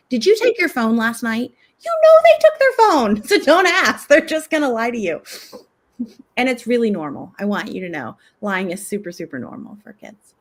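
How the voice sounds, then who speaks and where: This middle-aged woman, a parenting expert, gives advice in a conversational way with a voice on the low side. She's animated and laughs easily as she acts out what a parent might say.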